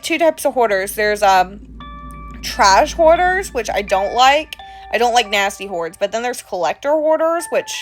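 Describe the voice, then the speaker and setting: A woman with an average-pitched voice reacts casually as a streamer. She rambles frankly and swears freely, pausing over her own thoughts. Music plays softly behind her. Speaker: streamer reading and reacting to stories. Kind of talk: casual reaction commentary with asides.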